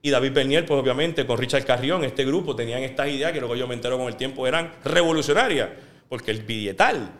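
A man from Puerto Rico, a sports journalist guest, telling lively career anecdotes in a casual interview. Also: mid-range voice, quick pace. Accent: neutral Spanish.

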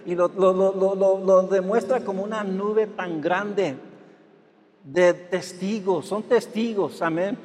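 A male pastor with a high voice preaches a sermon, punctuating nearly every phrase with "amen". He often restarts his words. The sound rings with a long reverb from a large hall. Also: slow pace, darkish tone. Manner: repeats amen and hermanos constantly, with restarts; acts out whiny complaints in a raised voice.

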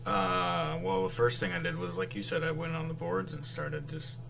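A man's voice: on the high side, animated, normal speed, gravelly, fairly bright tone. A man guesting on a casual podcast, laughing a lot and wisecracking. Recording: distant mic with faint background noise.

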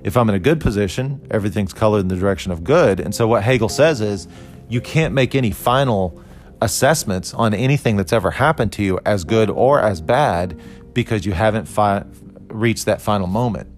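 A man's voice: lowish voice, lively intonation, fairly quick, faint music behind. A man in his forties, from Costa Rica, explaining a philosophy idea in a thoughtful, conversational lecture with restarts and fillers. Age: 40s.

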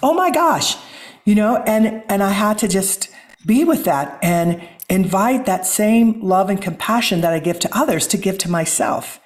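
Speaking at normal speed in a mid-range, slightly mellow voice, a Midwestern-accented woman from Missouri appears as a guest and author in a conversational interview. Her manner is earnest, reflective, flowing and spiritual.

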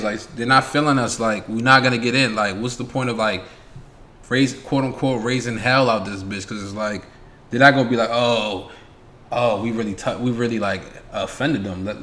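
A man from New York talking in a relaxed podcast chat. His voice sits at an ordinary pitch, and he tells stories with plenty of slang and swearing. He keeps slipping into the voices of the people in his stories. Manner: animated storyteller, acts out quotes, heavy slang and swearing. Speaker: podcast co-host. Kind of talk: casual chat.

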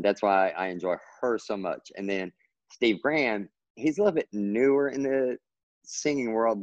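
The recording is dry and lo-fi. On it, a writer from Texas with a Texan accent rambles earnestly through a relaxed interview as a guest, his voice climbing in pitch whenever enthusiasm takes over.

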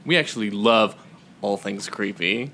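A man's voice: lowish voice, unhurried, sharp tone, a little hiss or hum. A young man playing an eager teenage boy who loves creepy things in a naturalistic drama. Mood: intrigued.

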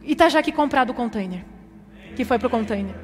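A woman's voice: on the high side, lively intonation, quick pace. A woman pastor preaching a testimony sermon in a fervent, impassioned way. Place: church hall. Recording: reverberant hall with faint music.

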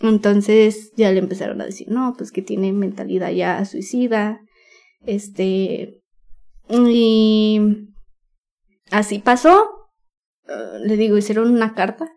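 A woman's voice: medium pitch, animated, takes it slowly, long pauses, a little mellow. A young woman with a Mexican accent, a podcast guest telling a personal story frankly and casually, full of slang and fillers. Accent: Mexican Spanish. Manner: slangy, frank, with many fillers and nervous laughs.

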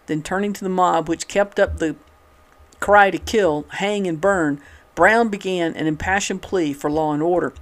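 A man reading an old newspaper article aloud in a steady, measured way, with occasional restarts. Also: high voice. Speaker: reader of a historical newspaper.

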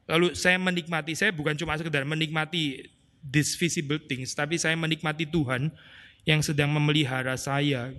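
A man preaching an expository sermon in a casual, animated way, mixing in English words. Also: on the high side, moderate pace. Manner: conversational, animated, mixes in English words and slang. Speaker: pastor. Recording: long hall reverb.

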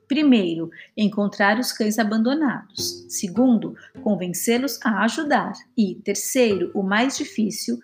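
A woman reading a children's story aloud in an expressive, steady way. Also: mid-range voice. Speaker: narrator.

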